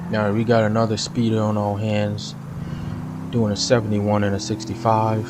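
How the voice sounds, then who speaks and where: A lowish, completely flat voice at a moderate pace belongs to a Trinidadian streamer with a Trinidadian accent commenting live on a police game. Though his delivery is level, he's casual and chatty with viewers and laughs often, over a noisy background.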